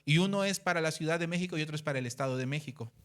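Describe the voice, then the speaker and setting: A man's voice: fairly high pitch, very fast. A man with a Mexican Spanish accent preaching a sermon as pastor, telling stories with acted-out dialogue and asking his congregation for agreement. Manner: animated storytelling, acts out quoted dialogue.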